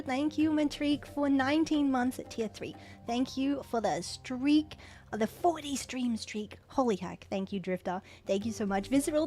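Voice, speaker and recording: Woman, high voice, excitable live host, soft music behind. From Australia. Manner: excitable, rapid thanks, frequent stumbles. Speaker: livestream host. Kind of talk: casual livestream chat.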